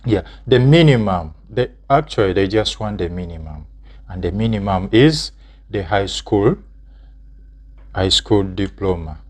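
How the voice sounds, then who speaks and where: A man's voice: deep voice, expressive, unhurried. A man from Uganda with a Ugandan English accent, co-hosting and plainly explaining steps, with fillers and short affirmations. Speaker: channel co-host. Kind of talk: explanatory casual chat.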